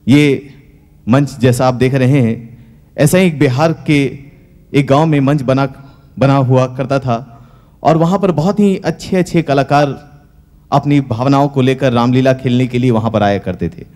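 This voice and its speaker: A man's voice: medium pitch, measured pace, a little mellow. A man telling a comic story on stage, talking straight to the audience. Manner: conversational, addressing audience directly. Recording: stage recording with long hall reverb.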